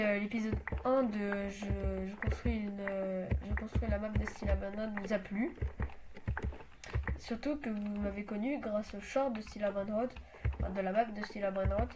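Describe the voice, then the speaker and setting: A woman's voice: mid-range voice, background noise. A woman giving casual gameplay commentary as host of her own channel, talking hesitantly with many fillers and restarts.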